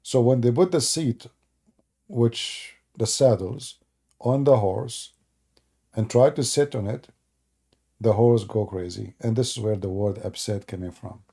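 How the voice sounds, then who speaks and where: With a husky, dark, medium-pitched voice and a slightly slow delivery, a native Arabic-speaking man from the Middle East hosts a casual stream in broken English. Sarcastic and joking, he teases the chat while answering viewers.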